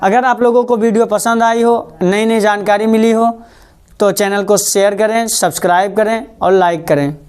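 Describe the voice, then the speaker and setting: A woman's voice: mid-range voice, steady tone, normal speed, darkish tone, clear, resonant tone. A woman teaching a basic lesson, asking questions and answering them herself, repeating each point. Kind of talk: classroom-style lesson.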